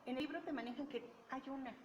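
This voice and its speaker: A middle-aged woman chatting casually about books with friends, unhurried and hesitant. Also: high-pitched, muffled recording. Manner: unhurried, hesitant, many fillers. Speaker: book club co-host. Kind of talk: casual book chat. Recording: echoey room with noise.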